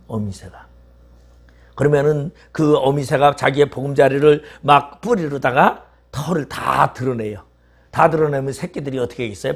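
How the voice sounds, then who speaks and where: A man's voice: medium pitch, breathy edge. A male pastor preaching a sermon in a church, telling a story vividly and asking rhetorical questions.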